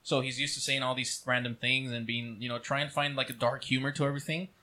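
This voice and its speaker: Bright, fast-talking man. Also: mid-range voice, level tone, slight background noise. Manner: easygoing, asks follow-up questions. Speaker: podcast co-host. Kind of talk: casual chat among friends.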